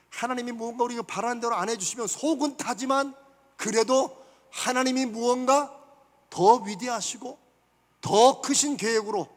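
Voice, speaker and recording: A man's voice: very high voice, a bit bright, in a large hall. A male pastor preaching a sermon, putting questions to the congregation and answering them himself. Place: church sanctuary.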